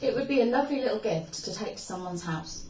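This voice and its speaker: A woman's voice: on the high side, lively intonation, fast talker, a little mellow, a little hiss or hum. A woman co-hosting a casual product review chat, bubbly and enthusiastic. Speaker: co-host. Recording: roomy, dull sound from a distant mic.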